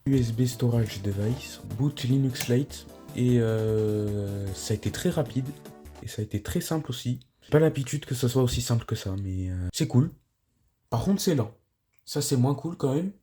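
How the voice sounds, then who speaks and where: A man's voice: mid-range voice, expressive, moderate pace, dark tone. Laid-back French guy vlogging over music. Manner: laid-back, frequent hesitations, mild swearing. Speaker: tech YouTuber. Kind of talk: casual tech vlog narration. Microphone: cheap microphone.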